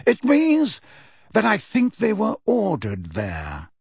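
A man voicing an elderly wizard who speaks calmly, lightly and clearly in an audiobook. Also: high voice, slow pace, dry recording, clean studio sound, voice pushed up, exaggerated voice. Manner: calm, light, quiet but clear. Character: calm, wise elderly wizard headmaster.

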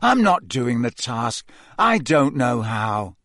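A man's voice: high voice, sing-song, a little slow, slightly rough, no room sound, studio quality, voice pushed up, heavily acted. Man doing a panicky teenage boy. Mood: anxious. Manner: panicky and breathless. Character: nervous teenage boy wizard.

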